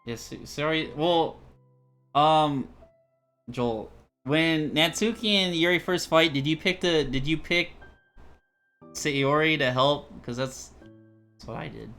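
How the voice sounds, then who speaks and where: A man streaming a visual novel, narrating its text and chatting casually, with jokes and loud outbursts. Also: fairly high pitch, takes it slowly, pauses often, soft background music.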